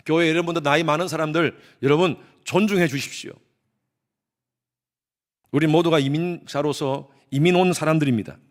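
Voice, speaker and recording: A middle-aged man preaching a Sunday sermon as pastor, emphatic, swinging between loud stresses and hushed asides, acting out quoted speech. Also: on the high side, fairly even intonation, moderate pace. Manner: acts out quoted speech in voices. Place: church sanctuary.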